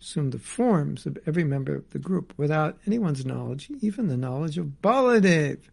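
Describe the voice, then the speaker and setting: A man teaches a scripture class, reading a passage aloud and then commenting on it in casual asides. His voice is fairly high-pitched and darkish in tone, with vocal fry.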